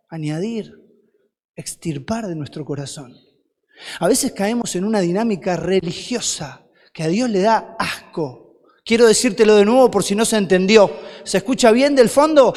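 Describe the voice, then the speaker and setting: High-voiced Rioplatense preacher in a reverberant hall. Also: male voice. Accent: Rioplatense Spanish. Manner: animated, rhetorical questions to the congregation. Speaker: guest preacher. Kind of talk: sermon.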